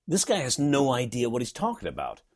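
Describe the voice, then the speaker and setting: A man's voice: mid-range voice, huge pitch swings, brisk. A man from New York reading his own blog post aloud, sarcastic and wisecracking as he pokes fun at someone. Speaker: comedy writer and teacher.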